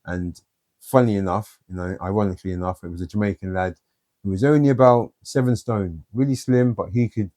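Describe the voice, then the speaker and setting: A man's voice: lowish voice, a little fast, mellow, no room sound, clean studio sound. A man telling blunt, streetwise stories from his own life in an interview. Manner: blunt, streetwise storytelling with many "you know"s. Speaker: guest.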